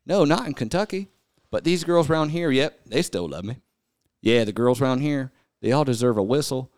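A man's voice: mid-range voice, animated, moderate pace, a little mellow, no room sound, studio quality. A man co-hosting a casual podcast, read-singing country song lyrics for laughs. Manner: reads song lyrics in a half-sung, joking way. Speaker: podcast co-host.

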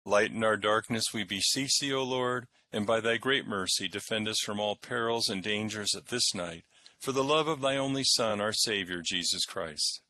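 A man leading church prayers as a minister, reciting in a measured, solemn and formal way. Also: lowish voice, pushed and bright, no room sound. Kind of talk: liturgical recitation and sermon.

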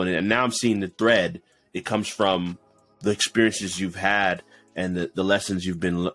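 A man with a very deep voice hosts an interview and warmly encourages his guest. He affirms her often and stumbles over his words as he builds to a question. Faint music sits behind him. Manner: encouraging, with many affirming interjections and stammered restarts. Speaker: podcast host. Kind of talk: interview hosting.

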